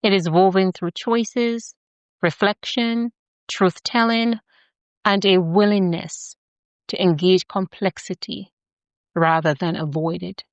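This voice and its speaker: A middle-aged Jamaican woman with a Jamaican accent opens a podcast as its host, speaking in a measured, deliberate way and using rhythmic lists of words. Her voice is medium-pitched with fairly even intonation, and there's no echo.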